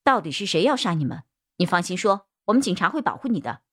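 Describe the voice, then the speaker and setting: A woman voicing a stern police detective who questions firmly and briskly. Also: medium pitch, sing-song.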